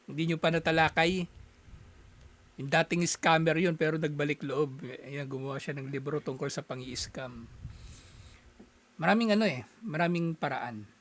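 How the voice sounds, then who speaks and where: Filipino guy giving a lecture, kinda high voice, lively, laughs a lot while telling stories. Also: normal speed, pauses often. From Philippines. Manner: animated storyteller, chuckles often, acts out quoted exchanges. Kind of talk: casual explanatory talk.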